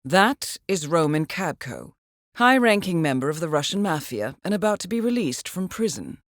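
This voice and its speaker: Her pitch sits fairly low but swings widely, and she keeps a moderate pace in an echo-free recording. As a composed female intelligence handler in a video game, she gives an assassin a formal, businesslike briefing, cool in tone and dryly witty.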